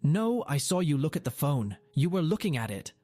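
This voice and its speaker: A man's voice: on the high side, big pitch swings, normal speed, warm tone, dry recording, faint music behind. A man voicing a stubborn, entitled adult mother who insists and dismisses everyone in a story narration. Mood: insistent.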